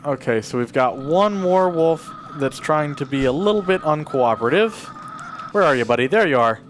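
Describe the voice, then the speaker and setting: A speedrunner playing live at a charity marathon gives casual commentary, explaining his route and coaxing the game characters along as if talking to them. His voice is on the high side and expressive, at a moderate pace, with slight background noise.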